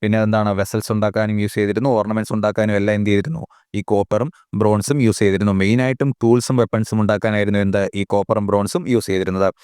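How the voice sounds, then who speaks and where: Low-voiced man drilling exam facts. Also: clear, resonant tone, dry recording, studio quality. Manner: asks rhetorical questions and answers them himself; repeats key facts, mixing English terms into Malayalam. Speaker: exam coaching teacher. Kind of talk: recorded lesson.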